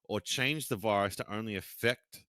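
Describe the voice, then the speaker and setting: A man's voice: fairly low pitch, normal speed, bright, forceful tone, no echo. A man co-hosting a casual chat, blunt and swearing often, trailing off mid-sentence. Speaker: podcast co-host.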